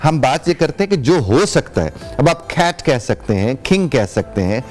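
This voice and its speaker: A man's voice: mid-range voice, big pitch swings, moderate pace, darkish tone, faint music behind. A middle-aged man from Pakistan, an English teacher and guest, explaining at length in a formal studio interview.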